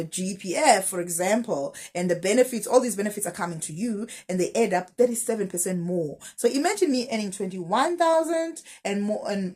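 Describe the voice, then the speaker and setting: A teacher in her 30s who runs a finance vlog gives direct money advice in a casual video, piling up rhetorical questions for her viewers. Her voice is mid-range and slightly rough.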